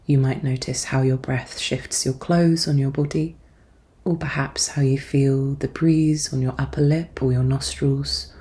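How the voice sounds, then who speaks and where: Leading a meditation in a therapist's gentle, soothing manner, a woman keeps her delivery calm and measured. Her voice is deep and relaxed with a warm, dark tone, and every instruction comes softly.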